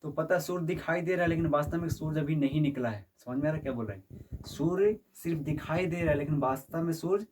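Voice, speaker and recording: Talking fast in a slightly high, somewhat mellow voice, a man teaches physics while constantly quizzing his class to confirm they follow. The recording is distant, with slight background noise.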